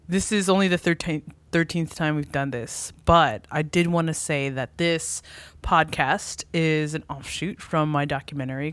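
A woman with a low-pitched voice co-hosts a casual podcast. She talks in a loose, animated way and often breaks into giggles mid-story. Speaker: podcast co-host. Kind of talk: casual chat.

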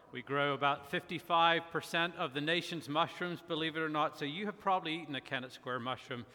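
A middle-aged pastor with a faint Northern Irish accent, his voice pitched a little high and ringing brightly. He preaches in a measured way, often pausing on "uh". The sound trails off in the long reverb of a church sanctuary. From Northern Ireland. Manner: measured, with frequent "uh" fillers. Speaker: guest pastor. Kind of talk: sermon.

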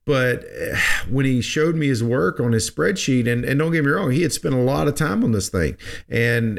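A male radio host gives financial advice in a medium-pitched voice. He talks conversationally and with folksy emphasis, often doubling back to repeat a phrase before finishing his point. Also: creaky.

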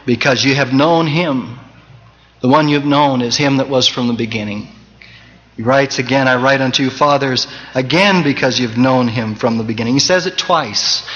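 A male pastor delivering a Sunday sermon, swinging from loud emphasis to soft, close tones and quoting scripture in old-fashioned cadence. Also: medium pitch. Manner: preaching with wide swings in loudness and emphasis. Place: church sanctuary. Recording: dull 1980s church tape with long reverb.

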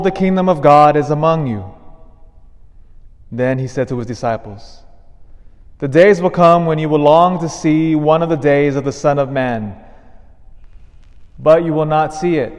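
A man's voice: a little high, darkish tone. A clergyman at Mass reads the Gospel and gives a homily in a large church, with a cathedral echo on his voice. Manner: measured liturgical reading, then a conversational homily with restarts.

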